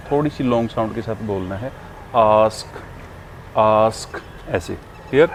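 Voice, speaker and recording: Male pronunciation teacher, slow and patient, repeats drill words, faint street noise behind. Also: mid-range voice, darkish tone. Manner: asks "clear?" after each point. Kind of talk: spoken lesson.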